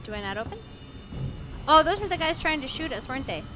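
Fast and very animated, a high-voiced woman streams a video game live, babbling and exclaiming her way through goofy commentary over the game's music and sound effects.

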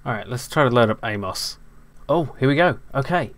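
A middle-aged man with an animated, medium-pitched voice hosts a retro computing video. Exploring old files, he mutters casually, pokes fun at himself, and laughs easily.

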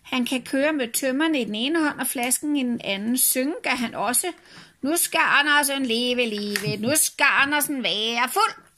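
A woman family vlogger reading a story aloud to children, expressive and pausing to comment on it. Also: high-pitched. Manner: warm and expressive, comments between passages.

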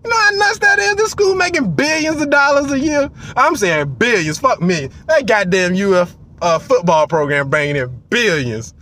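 A man in his forties giving animated, casual commentary from inside a parked car, acting out voices and swearing freely. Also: sits high, moderate pace, few pauses. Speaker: vlogger. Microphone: phone on the dashboard.

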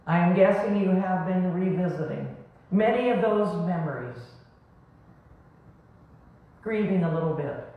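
A middle-aged woman pastor giving a slow, measured sermon in a small church sanctuary, recorded by a distant camera. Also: lowish voice, expressive. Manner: slow, measured preaching with rising and falling emphasis. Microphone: far camera. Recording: echoey church from far off, dull sound.

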